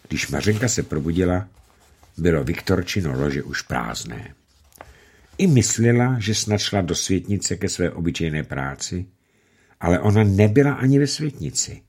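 Husky low-voiced man reading a story. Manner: measured, expressive storytelling. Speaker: narrator. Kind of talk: reading a classic story aloud.

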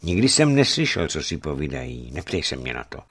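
A beaten prisoner, as a man voices him in an audiobook, answering in short, strained phrases. His voice sits low and subdued. He sounds weak but guarded. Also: animated. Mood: hushed. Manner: quiet, strained, clipped answers.

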